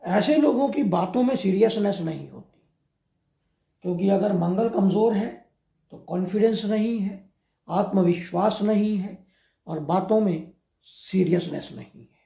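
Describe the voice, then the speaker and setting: A man explaining astrology in a slow, measured way, pausing often between phrases. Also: high voice, vocal fry, warm tone, echoey room.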